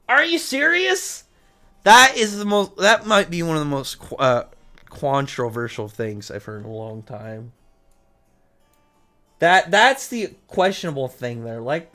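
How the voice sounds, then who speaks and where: A livestream host speaks in a high, bright and forceful voice while chatting casually and reading viewer comments. He jumps from aside to aside, rambles and repeats himself.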